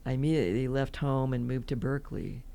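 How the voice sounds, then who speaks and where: A woman's voice: a bass voice, quick pace, creaky, mellow. A woman in her seventies from California, telling rambling, chatty stories as a podcast guest and laughing often. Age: 70s. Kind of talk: casual interview storytelling.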